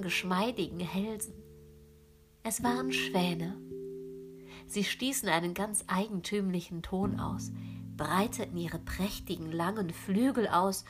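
Brief: female narrator for a fairy tale, slow and hushed, with music under her. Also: medium pitch. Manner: slow and gentle, often dropping to a whisper. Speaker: storyteller. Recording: with music behind.

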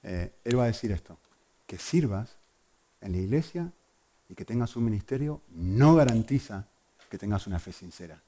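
Man preaching to a congregation; expressive, dips into quiet asides, warm mellow timbre. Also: on the low side, normal speed. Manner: animated, swings from loud emphasis to hushed asides. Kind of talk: sermon.

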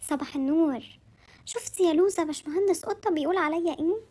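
A snide office auntie voiced by a woman, high-pitched and rattling her words off at top speed. She is condescending and bossy, looking down on everyone around her in a comic audio story. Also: racing, warm tone. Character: snobbish, mean older office auntie.

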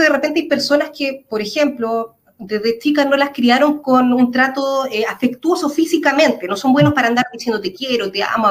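A woman with a Chilean accent, a psychologist explaining things earnestly in an interview, using everyday examples. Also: high voice. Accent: Chilean Spanish.

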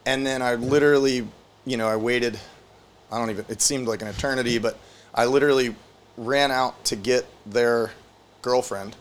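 A man's voice: mid-range voice, fairly even intonation, moderate pace. A young man hosting a podcast, telling a story in casual, profane talk full of "like". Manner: rambling, profane, lots of "like". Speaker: podcast host.

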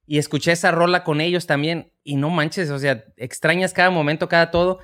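A man in his thirties, a podcast co-host telling a story in lively casual chat and acting out the voices. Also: a little high, a little fast. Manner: animated storyteller, acts out voices, swears freely.

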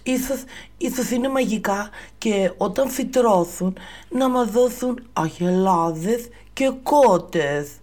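A woman's voice: medium pitch, a little mellow, pitched above the performer's own voice, natural voice. A woman voicing Jack, an eager and naive young boy, with a childish lisp.

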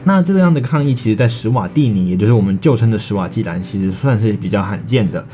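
A man with a Taiwanese Mandarin accent reads breaking news, semi-scripted with ad-libbed bridges, in a lowish, mellow, animated voice at a fast pace. He's wordy, repeating filler phrases and restarting words mid-sentence, while faint music plays behind him.

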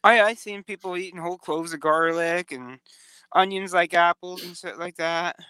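Man, co-host, clear bright tone, slangy and profane, halting. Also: sits high, no room sound. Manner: slangy, swears, halting restarts. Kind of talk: casual chat.

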